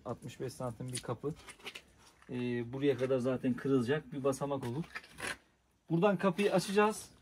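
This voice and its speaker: Guy vlogging in his yard, kinda high voice, chatty, a little outdoor noise behind. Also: a little mellow. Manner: chatty, addresses viewers as friends. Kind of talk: casual outdoor vlog narration.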